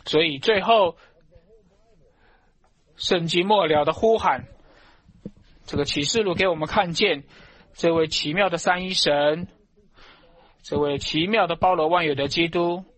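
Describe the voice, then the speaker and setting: Man preaching slow and fervent, kinda high voice, punches his words hard. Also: no room sound. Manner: fervent, emphatic, rising to loud shouts of praise. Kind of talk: sermon.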